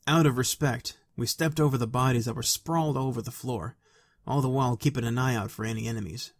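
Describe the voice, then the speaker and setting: A man narrating a fan story aloud in a quiet, even, soft-spoken way. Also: mid-range voice, brisk.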